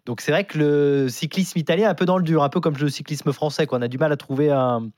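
A man's voice: fairly high pitch, quick pace, a little mellow, no echo, clean studio sound. A man hosting a sports radio show, casual and teasing with many fillers. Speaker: radio host.

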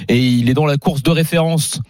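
A man's voice: fairly high pitch, brisk, darkish tone, no room sound. Male radio pundit, explanatory, dry studio sound. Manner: explains technical points, filler-heavy. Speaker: radio pundit on horse racing.

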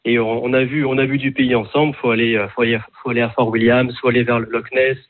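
A man's voice: mid-range voice, flat delivery, fast, no echo. A French man calling in to a radio show, talking hesitantly with many fillers and restarts. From France. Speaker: caller. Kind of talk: casual phone chat. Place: home in Scotland. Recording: tinny phone line.

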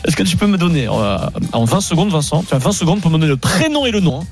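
A man's voice: on the high side, very animated, fast talker, music in the background. A man hosting a sports quiz on a radio talk show, teasing his co-hosts as he fires questions. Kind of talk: lively radio banter. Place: radio studio.

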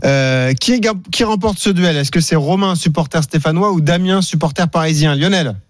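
A man hosting a radio sports betting show, brisk and jokey with his panel. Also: a little high, no room sound, studio quality.

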